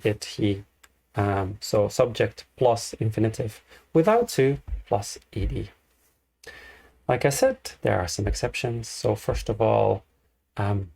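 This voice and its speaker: A man teaching an English grammar lesson, explaining slowly and repeating each example. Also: fairly low pitch, vocal fry, darkish tone.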